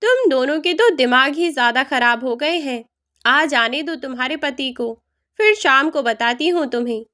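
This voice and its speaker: Woman playing an old mother-in-law, patient, tired of it, high-ish voice. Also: expressive, normal speed, bright, forceful tone. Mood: restrained. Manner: pleading, then scolding. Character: older mother-in-law, hurt but restrained.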